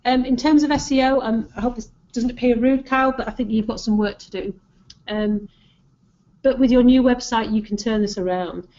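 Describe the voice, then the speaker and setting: A woman's voice: a little high, fairly even intonation, normal speed, mellow. A woman with a Lancashire accent giving an informal marketing presentation, advising in an encouraging, conversational way. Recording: dull, lo-fi audio.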